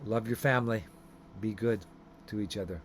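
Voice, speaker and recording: A man's voice: lowish voice, moderate pace. A middle-aged or older man talking casually, as on a family call and to a camera. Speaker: vlogger, son on a phone call. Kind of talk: casual family phone chat and talk to camera.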